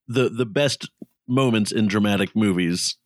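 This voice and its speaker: A man co-hosting a comedy trivia podcast, with a dry, low-key delivery. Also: a little slow, dry recording. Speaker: podcast co-host. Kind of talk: playful comedic banter.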